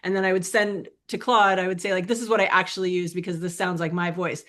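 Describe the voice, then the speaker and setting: A woman's voice: on the low side, level tone, fast, fairly bright tone. A woman speaking as a guest in a casual interview, chatty and full of little fillers.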